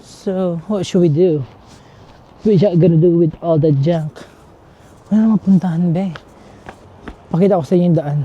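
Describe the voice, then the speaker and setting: A man's voice: fairly high pitch, steady tone, moderate pace, pauses often, husky, lo-fi sound. Chatty man vlogging on a night walk. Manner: chatty, exclamatory, joking. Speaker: travel vlogger. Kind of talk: casual walking vlog chat. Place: outdoor streets at night.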